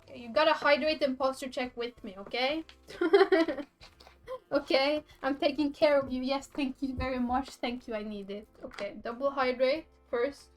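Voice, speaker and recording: High-voiced playful woman livestreamer. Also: steady tone, normal speed. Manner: playful, bubbly, giggly. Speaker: streamer. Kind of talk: livestream let's play, chatting with viewers and reading game dialogue. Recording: music behind the voice.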